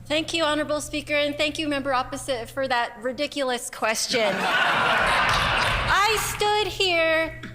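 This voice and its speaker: A woman's voice: sits high, little pitch movement, brisk, hardly any pauses. A woman government minister giving combative, off-the-cuff answers in parliament, dismissive of her opponents. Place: large legislative chamber. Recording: echoing chamber with clear crowd noise.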